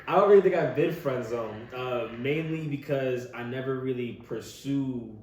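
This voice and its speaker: A young man co-hosting a podcast, chatting in a slow, relaxed, joking way. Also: mid-range voice, over a noisy crowd. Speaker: podcast co-host. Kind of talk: casual chat. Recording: echoey room, faint noise.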